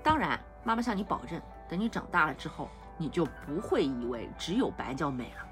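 With soft music she's playing in the background, a mother at home teases her young daughter at bedtime, laughing often and soothing her. Her low-pitched voice swings widely in pitch and runs fairly quick.

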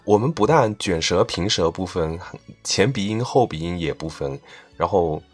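Low, husky man chatting casually. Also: expressive, moderate pace, soft background music. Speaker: podcast co-host. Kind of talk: casual chat.

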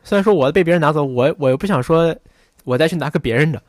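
A young man in his twenties talks fast and jokes around, with a fairly high voice for a man. The sound is dry and close. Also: no room sound. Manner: joking, rambling storyteller. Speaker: podcast co-host. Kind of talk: casual chat.

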